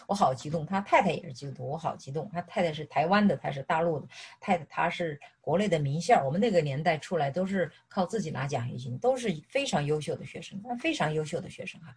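A middle-aged woman from mainland China gives an animated sermon, mixing personal testimony with questions to her listeners. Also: deep voice, slightly rough. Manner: animated, repeatedly asks "是不是". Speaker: preacher.

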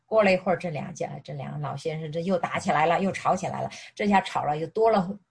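A middle-aged woman from mainland China gives an animated sermon, mixing personal testimony with questions to her listeners. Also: deep voice, fast talker, gravelly, slightly rough. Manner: animated, repeatedly asks "是不是". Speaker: preacher.

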